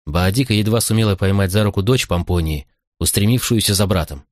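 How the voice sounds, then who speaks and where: A man narrating a novel as an audiobook, with steady, dramatic storytelling. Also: fairly low pitch, fairly quick, dry recording, studio quality.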